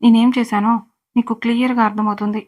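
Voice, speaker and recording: A woman's voice: on the high side, little pitch movement, fast, darkish tone, close to an everyday voice. A woman voicing a cruel, obsessive young man who threatens coldly in a storybook reading. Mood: threatening. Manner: cold, threatening.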